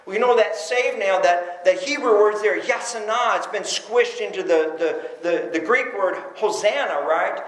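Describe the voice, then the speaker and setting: Guy pastor preaching, animated, drops low for emphasis, high voice, echoey church room. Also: normal speed, few pauses. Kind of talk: sermon.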